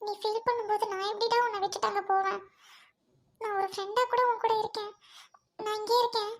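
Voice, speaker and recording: A gentle, caring young woman in a home-made drama, voiced by a woman. She speaks softly and soothingly, in a very high voice. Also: little pitch movement, fast talker. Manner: soft, soothing, apologetic.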